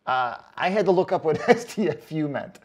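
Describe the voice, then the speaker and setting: A man who hosts online boot review videos reads out comments in a casual, comedic rant, sarcastic and mocking, swearing freely and delivering everything emphatically. His voice is fairly high and animated, at a moderate pace.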